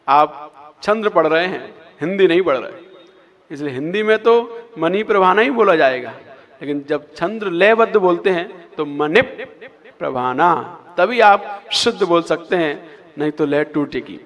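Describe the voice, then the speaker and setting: A Jain monk teaching correct recitation of a hymn, quizzing his listeners and slowly chanting the verse lines. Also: high voice, a bit bright. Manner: quizzes listeners and repeats answers. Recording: long hall reverb.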